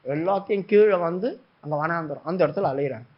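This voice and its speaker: A man's voice: on the high side, a little fast. A man preaching a sermon, telling a story with feeling and acting out the prayers and the replies of God. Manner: animated storytelling, acting out prayers and God's words. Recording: dull lo-fi recording.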